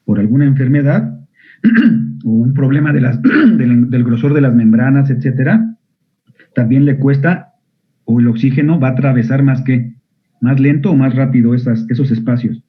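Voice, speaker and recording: A male medical school lecturer giving an online physiology class. He often quizzes his students and clears his throat. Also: mid-range voice, moderate pace. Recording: narrow phone-like audio.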